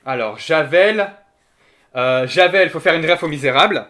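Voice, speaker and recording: Joking French-speaking streamer with a higher voice. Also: male voice, lively intonation, moderate pace, bright, forceful tone. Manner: joking, thinks aloud, answers chat. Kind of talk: casual live-stream chat.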